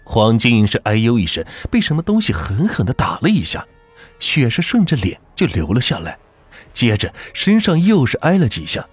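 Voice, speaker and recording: A man narrating a folk ghost story as the channel's host, in a dramatic, lively storytelling manner. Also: medium pitch, moderate pace, breathy edge, no echo, faint music behind.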